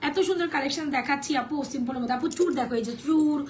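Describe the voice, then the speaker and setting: Hoarse, fast, high-pitched Bangladeshi saleswoman. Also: slight background noise. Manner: chatty, mixes English sales phrases. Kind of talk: live sales stream.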